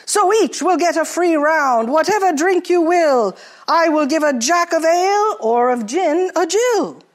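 A man's voice: extremely high pitch, animated, unhurried, pitched above the performer's own voice. A woman voicing a jovial, somewhat hapless tavern barkeep speaking in rhyme. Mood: hearty.

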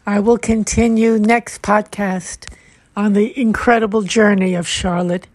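A woman narrating a mystery novel aloud in a measured, unhurried reading. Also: medium pitch, fairly even intonation, a little mellow, no room sound. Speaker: audiobook narrator. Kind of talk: scripted narration.

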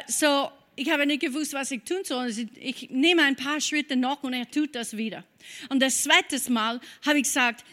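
A woman from Kentucky, preaching a sermon and telling a personal story with lively storytelling and prayer in tongues. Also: high voice. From Kentucky, USA.

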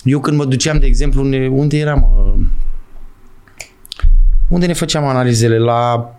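Animated, emphatic middle-aged man. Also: mid-range voice, clear, resonant tone. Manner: animated, emphatic, calls the listener "bă" and "frate". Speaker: guest, former footballer. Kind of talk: casual storytelling interview.

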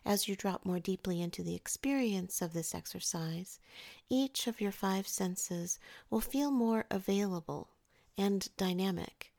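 Guided by a script, a woman narrates a meditation in a soothing, measured manner, letting her phrases soften at the ends. Her voice is medium in pitch and gravelly.

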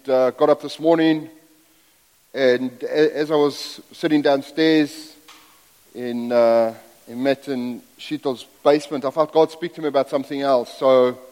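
A fairly high, slightly mellow voice carries this middle-aged guest's sermon through a church sanctuary with long reverb. He comes from Zambia and was raised in South Africa. His manner is folksy and self-deprecating, with frequent digressions.

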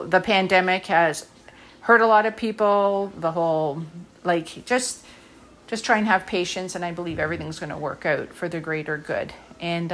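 A woman's voice: fairly low pitch, fairly bright tone. Woman, middle-aged, podcast host, casual heartfelt talk, earnest, rambling, fillers.

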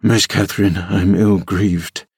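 A man doing a gruff, coarse young man. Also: low voice, fairly even intonation, slow pace, darkish tone, no room sound, clean studio sound, voice pushed down, exaggerated voice. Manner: gruff, nearly inarticulate with passion. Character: rough, furious young man, surly and coarse.

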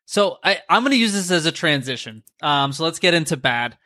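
A man co-hosts a movie podcast and reacts with open disbelief, restarting his sentences as he goes. His voice is higher and sharply bright, recorded close and dry. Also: animated, a little fast, dry recording. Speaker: podcast co-host. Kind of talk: casual movie review chat.

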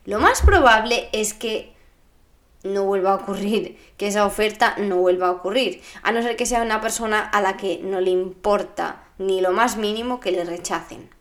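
A woman talks straight to the viewer, thoughtful and explanatory. Her voice sits at a middle pitch as she works through questions and examples. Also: moderate pace, fairly bright tone. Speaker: speaker on relationships and communication. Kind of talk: reflective explanatory talk to the viewer.

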